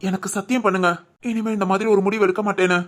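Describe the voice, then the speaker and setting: A woman voicing a gentle young husband in a dubbed cartoon drama, earnestly pleading and reassuring. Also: mid-range voice, level tone, racing, close to an everyday voice.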